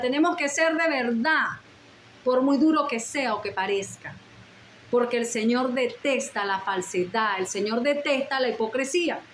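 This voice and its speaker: A woman's voice: high voice, fairly bright tone, echoey room, slight background noise. A woman preaching a sermon with fervent, repeated declarations and prayerful pleas.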